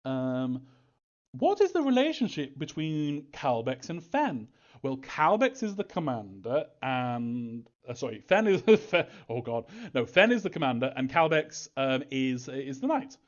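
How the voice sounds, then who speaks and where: A game developer with a medium-pitched, sing-song voice speaks a little slowly, reading fan questions out loud. His casual replies are hesitant and chuckling, evasive about the story, and the recording is dull and lo-fi.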